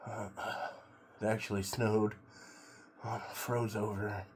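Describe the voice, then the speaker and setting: A middle-aged American man from Oregon rambling casually to a vlog in a laid-back, halting, musing way. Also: fairly low pitch, flat delivery, darkish tone. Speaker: vlogger doing a cold plunge challenge. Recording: clear background noise of water.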